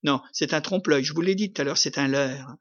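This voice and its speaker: Guy giving a chatty sermon, keeps tagging "hein", kinda high voice, muffled recording. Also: brisk, fairly bright tone. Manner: conversational, frequent "hein" tags, rising emphatic bursts. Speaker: preacher. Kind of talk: informal sermon on scripture.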